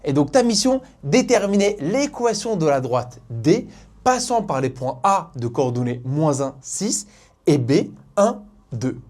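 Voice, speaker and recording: A woman's voice: low voice, very animated, measured pace, darkish tone. A woman with a Norman French accent teaching a math lesson, playful and speaking directly to the student.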